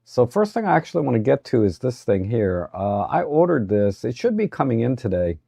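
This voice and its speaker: A man hosting a casual livestream about deals, his voice hoarse from illness, talking haltingly with many fillers. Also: medium pitch, very animated, dark tone, no echo. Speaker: livestream host.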